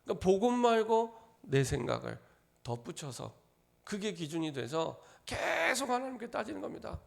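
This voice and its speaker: A male pastor giving a dawn sermon. He reads scripture with slow, drawn-out stresses and tells his own story in a conversational way. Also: high voice, sing-song, gravelly. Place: church.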